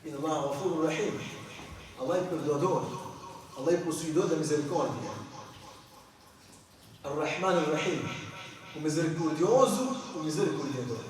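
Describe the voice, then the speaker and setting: A man's voice: a little high, moderate pace, pauses often, noisy background. A man with a Mozambican Portuguese accent preaching an emphatic sermon, dropping Arabic phrases between Portuguese lines. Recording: very echoey hall, mic far off, crowd behind.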